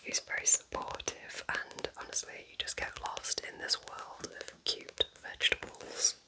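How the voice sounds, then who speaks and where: At a measured pace, an ASMR creator shares book picks in a breathy, unvoiced whisper, sounding gentle, informal, and chatty.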